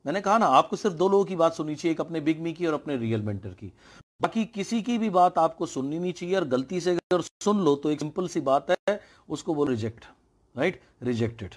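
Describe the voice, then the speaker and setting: A man's voice: fairly high pitch, animated, fairly quick. A man telling a fable as a motivational speaker, emphatic, mixing English phrases into his talk. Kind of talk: motivational storytelling.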